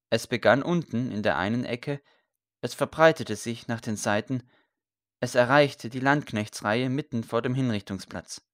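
A man narrating a story in a measured, steady way. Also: mid-range voice, no echo, clean studio sound. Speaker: audiobook narrator.

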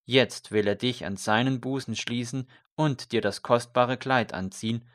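A man's voice: fairly low pitch, slow, no echo, studio quality. A man voicing a fervent pleading priest. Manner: earnest, intense preaching.

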